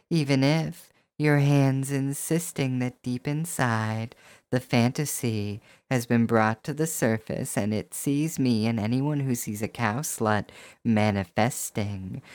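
With no echo in the recording, an adult performer uses a mid-range voice to coax and tease the listener directly through a scripted erotic hypnosis monologue. The phrasing rhymes and repeats in a steady rhythm.

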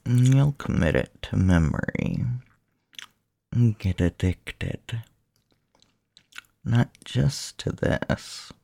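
A woman speaks in a very slow, husky half-whisper with a gravelly fry at the edges of her words. Her tone is teasing and commanding, close to the microphone, in a dry, dead room. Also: very deep voice, sing-song, warm tone, dry recording. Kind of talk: whispered erotic ASMR roleplay.

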